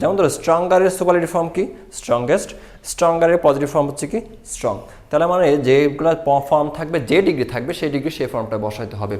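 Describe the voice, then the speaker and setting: A man's voice: a little high, darkish tone. A man teaching a grammar lesson, explaining step by step and answering his own questions.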